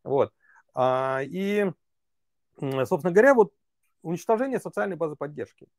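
A man's voice: fairly high pitch, expressive, normal speed, a little mellow, no room sound, clean studio sound. A man working as a political consultant, answering interview questions in long, reasoned stretches with many fillers.

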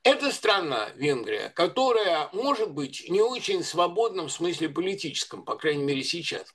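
High-voiced discursive man. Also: big pitch swings, normal speed, fairly bright tone. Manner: discursive, many hesitations and restarts. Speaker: guest commentator. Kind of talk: conversational commentary.

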